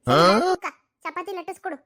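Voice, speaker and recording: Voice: very high voice, fast, a bit bright. A woman doing a bossy, mocking old mother. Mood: mocking scold. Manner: scolding, mocking. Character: sharp-tongued old mother, bossy mother-in-law. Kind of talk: cartoon voice acting.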